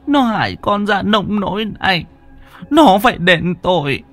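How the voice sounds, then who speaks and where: Guy doing a tearful old granny, wailing high and shaky, music faint behind. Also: very animated, measured pace, a bit bright, exaggerated voice. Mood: pleading. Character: grieving old village grandmother pleading with ghost.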